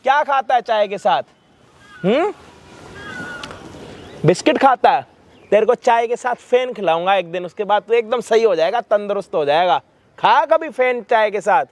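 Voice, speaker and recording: Man, high-pitched, loud and scolding, repeats himself, swears, prank video host. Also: expressive, normal speed, long pauses. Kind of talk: staged confrontation, scolding.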